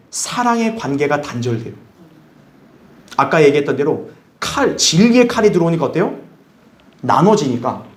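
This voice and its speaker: A man pastor teaching a Bible study, animated, asking the congregation questions and acting out what others might say. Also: on the high side. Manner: animated, acts out others' remarks in a raised voice; asks the audience questions. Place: church hall.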